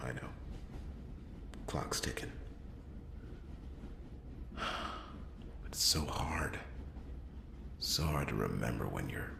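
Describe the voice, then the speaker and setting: Man acting a very deep, gravelly noir detective, ASMR role-play. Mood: weary, straining. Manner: brooding, hesitant, thinking aloud with sighs and pauses. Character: hungover, wry noir detective, a grown man muttering to himself. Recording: roomy echo, clear background noise.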